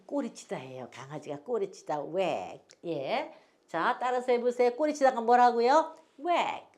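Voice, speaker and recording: A woman's voice: on the high side, animated, unhurried, a little mellow. Patient older woman teaching phonics. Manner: patient, repeats words for learners to echo; chatty, drifts into homely stories. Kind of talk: phonics lesson.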